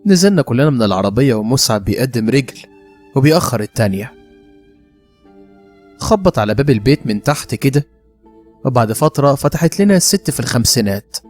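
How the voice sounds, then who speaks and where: A man with an Egyptian accent narrating a first-person drama story in a steady, conversational way. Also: medium pitch, fairly quick, pauses often, soft background music. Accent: Egyptian Arabic.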